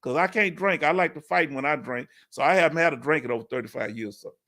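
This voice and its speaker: Hosting a laid-back live Q&A stream, a middle-aged man with a Houston accent chats and laughs often. He speaks fast, on the high side, with a sharp tone.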